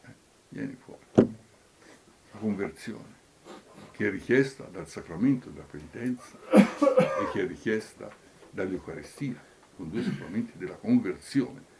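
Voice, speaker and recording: A man, a priest giving a homily who reads scripture, then swings between loud calls and near whispers. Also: on the low side, lively intonation, moderate pace, noisy background.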